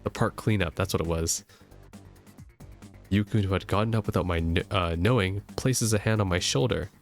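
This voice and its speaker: A man with a fairly low voice plays a story game. He mixes casual commentary with reading the on-screen narration aloud, over soft game music. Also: moderate pace, vocal fry. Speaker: let's play streamer.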